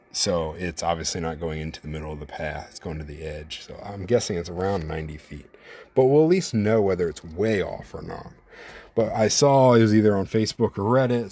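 A man casually narrating his robot mower test as a home video creator, thinking out loud and explaining what he sees on screen. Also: low-pitched, husky, no echo. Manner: thinking aloud, conversational, explanatory. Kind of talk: casual tech vlog narration. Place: indoors, at home near a computer, at times outside.

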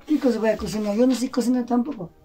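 A woman's voice: a little high, fairly even intonation, fast, dark tone, faint music behind, natural voice. A woman playing a henpecked old pensioner man who complains plaintively, in Andean Peruvian Spanish, in a comedy sketch. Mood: complaining. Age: over 60.

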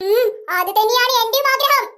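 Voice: very high-pitched, fairly quick, bright, forceful tone, slight background noise. A performer doing a haughty scheming rich madam. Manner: haughty, plotting, drops English words.

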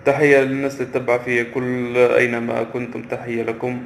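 A man's voice: mid-range voice, monotone, creaky, slight background noise. A man, talking casually to camera in a vlog and often stopping mid-phrase to search for a word. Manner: halting, often stops to search for words. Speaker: vlogger. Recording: roomy echo with faint ambience.

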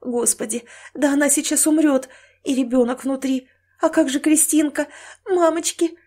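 A woman's voice: fairly high pitch, fairly even intonation, normal speed, darkish tone, breathy edge. A woman narrator voicing a frightened, hurt young pregnant woman who pleads breathlessly in an audiobook. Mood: panicked.

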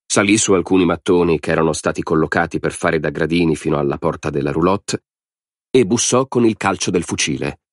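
A man reading an audiobook in steady, scripted narration. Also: low voice, brisk, no echo, studio quality. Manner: steady, even storytelling.

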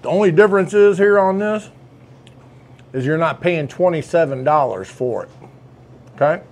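A man's voice: a little high, animated, normal speed. A man, chatting casually as he reviews food in a deli, folksy and savoring each bite. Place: indoor deli dining room.

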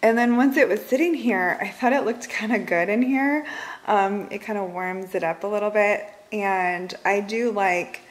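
A woman's voice: medium pitch, moderate pace, rough recording. Chatty woman filming a home tour. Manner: chatty, upbeat, many fillers. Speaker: home vlogger. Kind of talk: casual home tour vlog. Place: large house with open living room and kitchen. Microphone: handheld camera, filming herself off screen.

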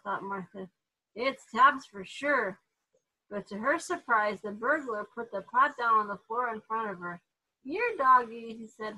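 A woman reading a children's storybook aloud with animated delivery, putting on voices for the characters. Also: medium pitch, breathy edge, rough recording. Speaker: therapy dog handler reading to kids.

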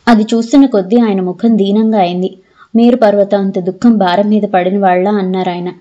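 A woman narrating an audio novel in a steady storytelling manner. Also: medium pitch, brisk. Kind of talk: scripted narration. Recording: slightly dull audio.

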